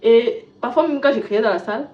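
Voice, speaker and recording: A woman vlogger casually retelling a personal story, switching from loud bursts to soft asides. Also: fairly high pitch, a little fast. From Cameroon. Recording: echoey room, dull lo-fi sound with faint hiss.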